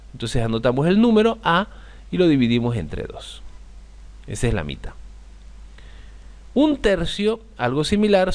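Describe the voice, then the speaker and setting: Male math tutor; patient, slow repeats of key terms, lively rising and falling delivery. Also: medium pitch. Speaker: math teacher. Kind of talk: explaining a lesson to viewers.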